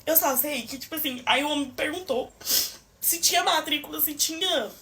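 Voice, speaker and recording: A woman's voice: high-pitched, normal speed, bright, forceful tone. A young Brazilian woman telling a story to the camera in an emphatic, indignant way, swearing to her viewers and addressing them directly. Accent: Brazilian Portuguese. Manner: emphatic, indignant retelling with oaths and asides to viewers. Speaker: storyteller in a clip. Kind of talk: emotional storytime vlog.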